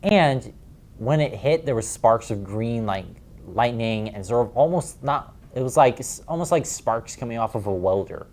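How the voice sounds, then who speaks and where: A man's voice: medium pitch, expressive, moderate pace, a little mellow, a little hiss or hum. A man narrating a tabletop game as game master, describing scenes in a rambling way with many fillers.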